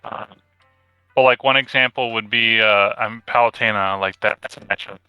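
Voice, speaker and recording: A man's voice: on the low side, fairly even intonation, moderate pace, bright, forceful tone, clear, resonant tone, no room sound, muffled recording, soft background music. A man on a voice chat that briefly cuts out, talking hesitantly with many fillers and restarts as the player being coached. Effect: voice chat audio that briefly cuts out.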